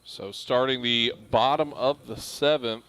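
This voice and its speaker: A man calling baseball play-by-play from a stadium press box, upbeat and quick to laugh. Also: mid-range voice, fairly even intonation, a bit bright, smooth. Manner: upbeat, laughs easily, reads sponsor spots. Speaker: play-by-play announcer.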